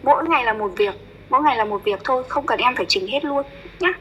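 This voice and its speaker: Patient, bright-voiced tutor woman. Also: fairly high pitch, a little hiss or hum, low-quality recording. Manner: patient, coaxing, models words slowly and repeats them. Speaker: English pronunciation tutor. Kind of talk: one-on-one online tutoring.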